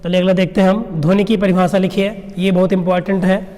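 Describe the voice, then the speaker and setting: High-voiced male teacher in a reverberant room. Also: level tone, fast, mellow. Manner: explains step by step, asks rhetorical questions and answers them; checks in with "है ना" and "ठीक है ना". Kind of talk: exam-prep lecture.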